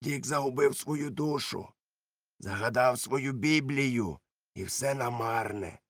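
A man's voice: mid-range voice, slow, no echo, clean studio sound. Long John Silver, read by a man, a cunning pirate cook. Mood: sly. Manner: swings from roaring threats to sly soft mockery. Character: one-legged pirate ship's cook, cunning captain. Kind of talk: audiobook character reading.

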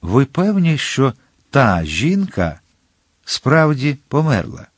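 A man's voice: medium pitch, very animated, takes it slowly, slightly rough, no room sound, studio quality, voice pushed up, heavily acted. A man reading aloud, voicing an earnest, anxious young male musketeer who pleads urgently in a raised voice. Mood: alarmed.

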